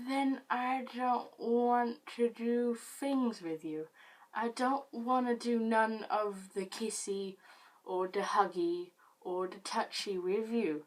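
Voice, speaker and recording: Woman acting out her loud drunk self. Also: medium pitch, voice pushed up. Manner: slow, emphatic, repeating herself. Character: drunk young woman, slow, loud and insistent.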